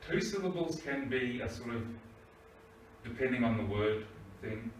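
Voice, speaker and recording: A man's voice: mid-range voice, lively intonation, moderate pace, slight background noise. A man teaching English grammar to a class, patiently asking "right?" as he checks that the class follows. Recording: echoey room, mic far off.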